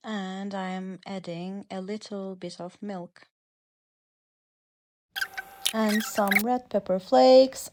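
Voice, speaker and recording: Slow-speaking woman. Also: mid-range voice, darkish tone, slight background noise. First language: Turkish. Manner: plain, simple sentences describing each step. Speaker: English teacher narrating a cooking video. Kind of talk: slow narration for language learners.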